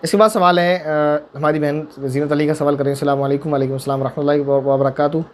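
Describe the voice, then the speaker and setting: A man's voice: on the high side, fairly even intonation, quick pace, slight background noise. A man, a mufti, answering viewer questions on religious matters, emphatic and repetitive, with pointed rhetorical questions. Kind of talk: religious Q&A talk.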